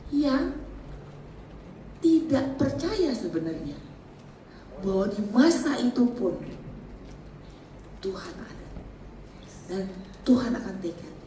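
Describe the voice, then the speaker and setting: A chatty middle-aged woman leads a church workshop, joking often and laughing between points. Her fairly high voice comes from some way off the mic. It rings around a reverberant hall with faint noise underneath. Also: dark tone, recorded from a distance. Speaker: seminar speaker. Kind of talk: lively church workshop talk.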